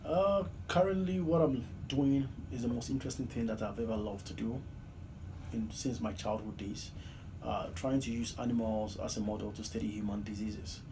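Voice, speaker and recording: A man's voice: mid-range voice, steady tone, normal speed. A man in his thirties from Ghana with a Ghanaian accent, earnestly answering interview questions from a small office, with many "uh" fillers. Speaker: PhD student guest. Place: small office, seated in desk chair. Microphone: far camera, low angle. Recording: noisy room recording.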